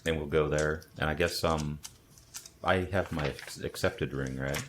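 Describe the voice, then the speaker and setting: A man with a very low voice talks casually as a player in a tabletop game. He thinks his moves through aloud, with faint noise behind him. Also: steady tone, unhurried.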